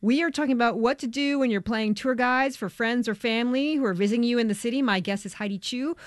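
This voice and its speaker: A woman hosting a live call-in radio show with a smooth, inviting radio-host delivery and upbeat questions for callers. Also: fairly high pitch, quick pace, dry recording, studio quality. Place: radio studio.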